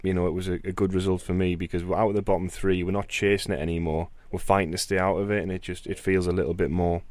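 A man's voice: low-pitched, flat delivery, quick pace, darkish tone, no echo. A man talking casually about football as a podcast panellist.

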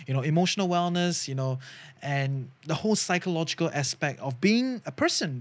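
A man from Singapore hosts a solo podcast in a slightly high voice with no echo. He talks earnestly yet casually, frequently ending sentences with "right?" and "you know".

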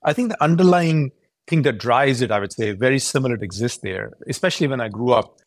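A man's voice: mid-range voice, lively intonation, quick pace, no echo. A man in his forties from Pakistan, giving earnest, explanatory answers as a podcast guest. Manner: earnest, explanatory, with frequent restarts. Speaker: tech company founder, guest.

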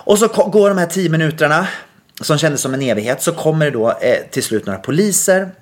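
A podcast host tells a story from his own day. He talks casually, with plenty of restarts, and acts out what people said in a lively way. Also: a little high. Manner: animated retelling with quoted dialogue and many restarts.

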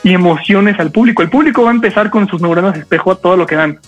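A man coaching an audience on public speaking, talking fast and energetically with lots of rhetorical questions. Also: high voice, lo-fi sound, faint music behind.

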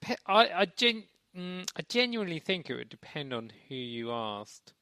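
A man's voice: on the high side, very animated, normal speed, pushed and bright. A man co-hosting a casual sports podcast, laid-back and a little hesitant. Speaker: podcast co-host.

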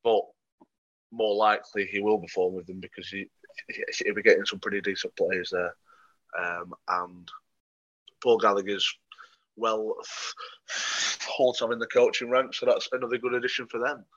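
A male co-host on a football podcast chats casually, offering matter-of-fact opinions in a dry manner full of ums. His lowish voice has little pitch movement, a moderate pace and a fairly bright tone. It's captured on a podcast mic with muffled, lo-fi sound.

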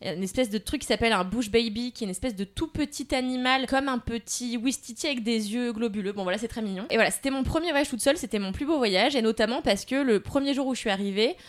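Woman podcast guest, animated casual storyteller, slangy and talkative. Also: fairly high pitch, fast, hardly any pauses. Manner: chatty, animated, many fillers and slang.

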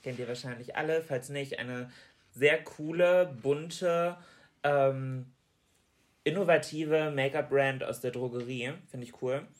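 A man's voice: medium pitch, slow. Teasing, chatty podcast co-host man. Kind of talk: casual chat.

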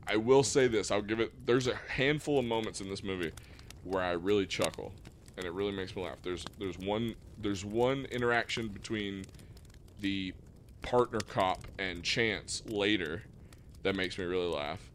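A man's voice: fairly low pitch, normal speed, slight background noise. Laid-back man recapping a movie. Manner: laid-back, recaps plot with frequent laughs and fillers. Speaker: podcast co-host. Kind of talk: casual film review chat.

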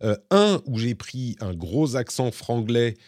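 A man's voice: mid-range voice, very animated, takes it slowly, a little mellow, no echo, clean studio sound. A man hosting a tech podcast, explaining things in casual chat with a few fillers. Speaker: podcast host.

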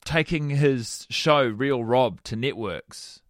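A man co-hosts a podcast in loose, casual chat, with a mid-pitched voice. He talks in winding, halting sentences full of restarts and dry teasing. The sound is close and dry. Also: no echo. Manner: rambling, hesitant, wry teasing. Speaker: podcast co-host.

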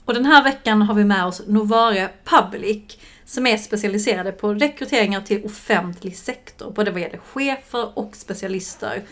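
A woman co-hosting a podcast, relaxed and chatty, often agreeing with her co-host during a sponsor segment. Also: mid-range voice, hardly any pauses. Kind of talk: casual podcast chat with sponsor read.

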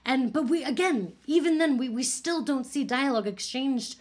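A woman co-hosting a casual film podcast, explaining plot points in a measured way and agreeing often. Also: high-pitched, animated, a little mellow. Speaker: podcast co-host.

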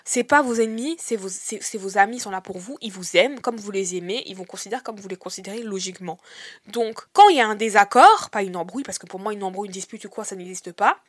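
A young woman hosting a podcast, giving casual, animated advice straight to her listeners. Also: mid-range voice, fast, no room sound, studio quality. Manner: animated, chatty, addresses listeners as "les gars". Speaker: podcast host.

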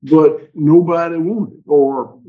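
A livestock farmer with a Southern US accent answers questions slowly in a fairly high voice with fairly even intonation. His talk is folksy, rambling and full of restarts, and the audio is narrow and tinny.

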